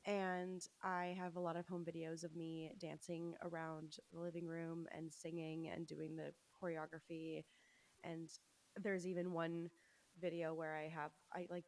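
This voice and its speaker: A young woman from Los Angeles talks casually as a guest in an interview. Her voice sits on the low side, and she rambles, self-deprecating, through fillers and restarts. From Los Angeles, USA. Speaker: musician guest.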